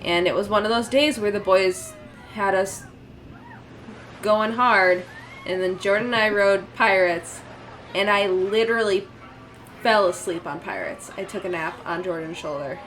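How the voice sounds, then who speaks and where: A woman's voice: medium pitch, a little slow, a bit bright, a little hiss or hum, rough recording. A woman co-hosting a theme park fan show in casual, conversational chat.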